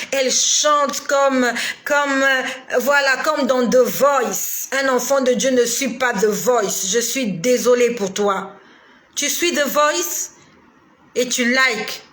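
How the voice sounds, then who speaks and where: A woman's voice: high voice, a bit bright, reverberant. A woman delivering a prophetic sermon, emphatic and admonishing, firing rhetorical questions at her listeners. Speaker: preacher.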